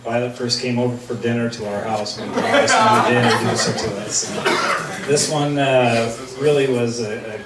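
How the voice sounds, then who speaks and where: A middle-aged man, the groom's father, telling a story in a relaxed, halting wedding toast. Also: mid-range voice. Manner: relaxed, hesitant, lots of uh and um. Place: wedding reception hall. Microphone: handheld microphone. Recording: echoey hall, distant mic, room noise.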